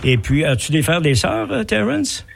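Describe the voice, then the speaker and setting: Un animateur de radio québécois qui mène une entrevue sur un ton détendu et blagueur. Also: male voice, fairly high pitch, sing-song, moderate pace, creaky, slightly rough. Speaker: radio host. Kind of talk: casual radio interview.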